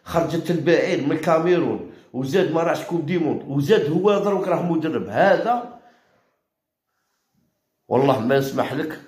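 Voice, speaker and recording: A man's voice: expressive, brisk, pauses often, darkish tone. Algerian man hosting a football channel, fiery and mocking, raised voice, in an echoey room. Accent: Algerian Arabic. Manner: fiery, mocking, repeats himself, pitch jumps high when worked up. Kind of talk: heated opinion rant.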